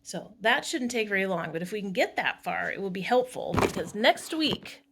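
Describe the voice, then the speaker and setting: A woman's voice: medium pitch, big pitch swings, normal speed, creaky, noisy background. A woman is reading a story aloud to a drama class. She reads with expression and breaks off now and then to explain the staging to the students. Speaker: drama teacher.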